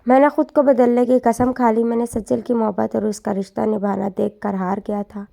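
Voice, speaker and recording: A woman narrates an emotional story in a soft, subdued, earnest voice. Her tone is mellow and warm, with a gravelly texture. Her delivery stays gentle and low-key. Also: level tone.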